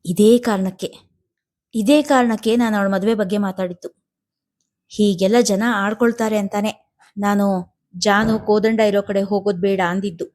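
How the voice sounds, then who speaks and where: A woman's voice: medium pitch, fairly even intonation, normal speed, long pauses, a little mellow, close to an everyday voice. Brief: woman reading a regretful old man in an audio story. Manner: regretful, sighing. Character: weary old father-in-law, resigned.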